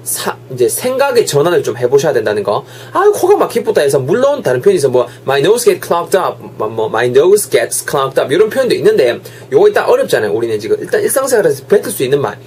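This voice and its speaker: A young man teaching English phrases in an online lesson, energetic and drilling each phrase by repetition. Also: on the high side, a little fast, hardly any pauses, slight background noise.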